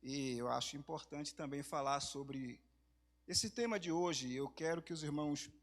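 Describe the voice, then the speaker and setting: A hoarse man from Brazil preaching in a church, speaking slowly and softly, with louder passages when reading scripture. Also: on the high side. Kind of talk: sermon.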